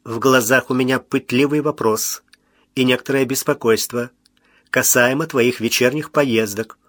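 A man's voice: mid-range voice, steady tone, moderate pace, a bit bright, dry recording, lightly acted. A man playing a stern ironic admiral. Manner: commanding, dry, with a metallic edge. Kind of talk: audiobook character voice.

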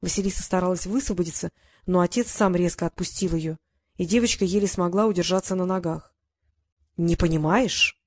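A woman narrating a novel in an even, measured storytelling manner. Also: on the low side, no room sound, studio quality. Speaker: audiobook narrator.

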